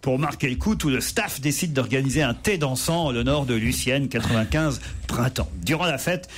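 A man telling jokes on a radio talk show, animated and playful. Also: mid-range voice, moderate pace.

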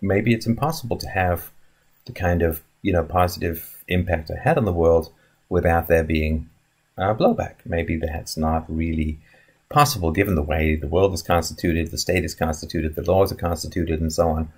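A man in his fifties speaks in a low voice with a husky edge, musing and rambling as he answers viewer questions. He talks from an indoor room into a webcam, with fillers and restarts breaking up his sentences. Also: normal speed. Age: 50s. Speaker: live stream host answering chat questions. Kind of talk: casual live stream talk. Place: indoor room in front of a wooden wall.

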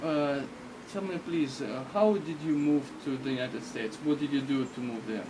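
A man's voice: mid-range voice, distant mic. Russian-speaking man interviewing outdoors, noisy. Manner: halting, simple phrasing with restarts. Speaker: interviewer and vlog host. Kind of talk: casual interview. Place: outdoor porch in a tropical garden. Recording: loud outdoor noise on a camera recording.

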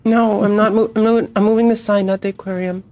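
A woman's voice: medium pitch, fairly even intonation, fast talker, a little mellow, soft background music. A woman streaming a co-op game in casual, swear-filled chat, her voice thick with phlegm in the morning. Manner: swears a lot, blunt and chatty.

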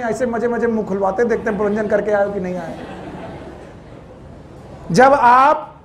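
A man's voice: extremely high pitch, slight background noise. A man teaching biology to a class, quizzing students, scolding them and joking, with English terms mixed into his talk. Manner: mixes English terms into Hindi. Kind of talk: classroom lecture.

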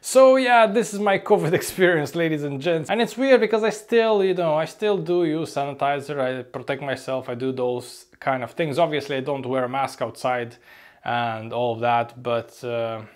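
The chatty young vlogger, who works as flight crew, speaks a little high at normal speed in a slightly hoarse voice. Recording indoors in his apartment on a lapel mic, he stays upbeat and often says "ladies and gents."

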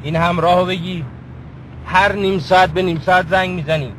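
A bossy, commanding employer. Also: male voice, high-pitched, steady tone, a bit bright, a little hiss or hum. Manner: commanding, threatening. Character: bossy man ordering his bodyguard.

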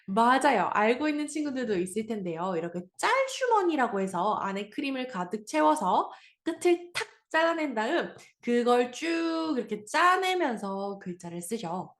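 A woman's voice: a little high, very animated, moderate pace, hardly any pauses, roomy sound. A woman teaching an English reading lesson, patiently explaining and asking her listeners questions.

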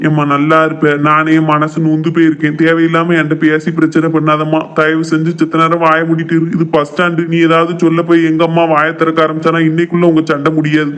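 A man, voicing a patient young village husband in a cartoon, quick and placating. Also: a little high, completely flat delivery, fairly bright tone, smooth, lightly acted. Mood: pleading. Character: patient young village husband, caught between wife and mother. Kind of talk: cartoon voice acting.

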